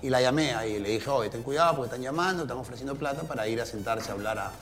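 A middle-aged man with a Peruvian accent from Callao, an interview guest telling stories in a relaxed, laughing way and acting out the dialogue. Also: medium pitch, racing, music in the background. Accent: Peruvian Spanish, Callao. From Peru. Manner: laughing, animated storyteller, plays out quoted dialogue. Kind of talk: casual storytelling interview.

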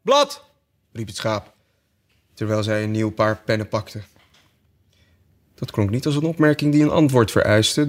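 A man narrating a children's classic as an audiobook in a calm, measured storytelling manner. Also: mid-range voice.

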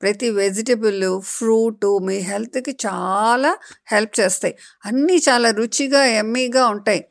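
Woman doing a storybook eggplant, friendly know-it-all, lively, lecturing, a bit high. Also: a little slow, vocal fry. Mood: chatty, teaching. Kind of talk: children's storybook voice acting.

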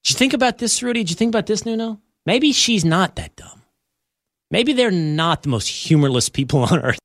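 A male talk show host on sports radio who rants with mock outrage and heavy sarcasm. His voice sits a little high and swings all over the place. The sound is dry and close. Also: a little fast, no room sound. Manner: mocking, animated, with mock-outraged outbursts.

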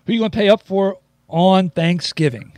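A man's voice: high-pitched, fairly quick, darkish tone, no room sound. A man hosting a podcast, talking in a loose, chatty way with plenty of ums. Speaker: podcast host. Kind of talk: casual podcast chat.

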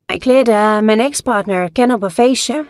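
A woman in her early thirties gives a hesitant personal testimony, pausing on fillers, her voice disguised with AI. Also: on the high side, no echo. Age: early 30s. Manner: hesitant, many fillers and restarts. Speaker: anonymous interviewee.

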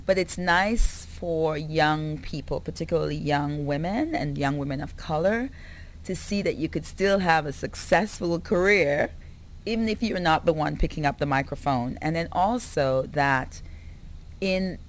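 A woman's voice: deep voice, measured pace, slight background noise. A woman from the Caribbean, a publicist, chatting in an interview with laughs and repeated words. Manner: animated, laughing, repeats herself. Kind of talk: conversational interview.

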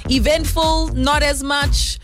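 A woman's voice: sits high, steady tone, takes it slowly. South African woman radio host over music. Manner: sympathetic, encouraging, addresses listeners directly. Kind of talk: conversational radio phone-in hosting.

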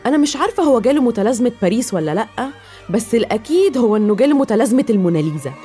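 A woman's voice: a little high, animated, racing, dark tone, soft background music. A woman with an Egyptian Arabic accent, presenting and interviewing as a podcast host. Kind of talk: scripted podcast introduction and interview.

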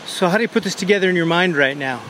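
A man's voice: high-pitched, racing. A man asking questions as the interviewer in a field news interview. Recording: noisy outdoor recording, off-mic.

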